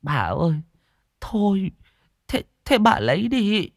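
A man's voice: high voice, big pitch swings, takes it slowly, no room sound, studio quality, voice pushed up, heavily acted. A man voicing a poor, timid old woman in an audio story, humbly pleading over her fish.

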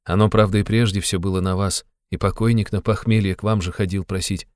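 Brief: male reader voicing a gloomy young man, low and clipped, sullen and abrupt. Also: steady tone, fairly quick, a little mellow, dry recording, natural voice.

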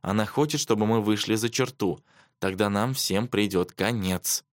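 A man voicing a cautious schoolboy who whispers slow warnings in an audiobook. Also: fairly low pitch, dry recording, studio quality, close to an everyday voice. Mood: hushed. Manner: hushed, slow, secretive.

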